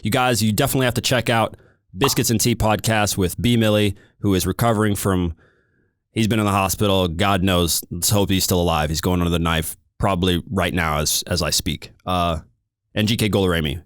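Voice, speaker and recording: A man's voice: low-pitched, steady tone, fairly quick, dry recording, clean studio sound. An American man hosting a podcast, ranting in a heated, emphatic monologue. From United States. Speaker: podcast host.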